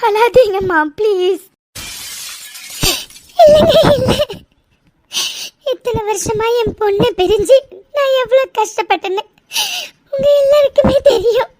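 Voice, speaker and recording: A woman's voice: very high-pitched, normal speed, no echo. A woman voicing cartoon women, one hurt and one a grieving mother, in tearful, pleading tones. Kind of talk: cartoon voice acting.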